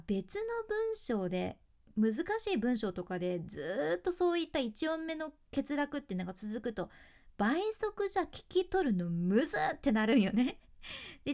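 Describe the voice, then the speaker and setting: A young woman with a Hakata dialect from Fukuoka, hosting a podcast and teaching speaking tips in a chatty, teacherly way, slowly spelling out vowel sounds as examples. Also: high voice. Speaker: podcast host and speaking coach. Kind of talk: casual spoken podcast lesson.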